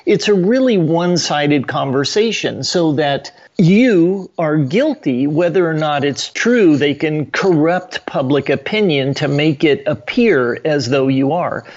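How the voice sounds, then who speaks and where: Male radio guest, halting stuttery delivery, slightly higher pitch, muffled lo-fi audio. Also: a little mellow. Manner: halting, stuttering, restarts and fillers. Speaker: state senator, radio guest. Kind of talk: political radio interview. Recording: muffled lo-fi line.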